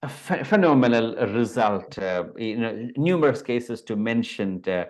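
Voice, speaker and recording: A man in his fifties from India talks as a Vedanta teacher in an interview over a video call. He speaks hesitantly, with many fillers and restarts, in a voice of middle pitch. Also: lively intonation, measured pace.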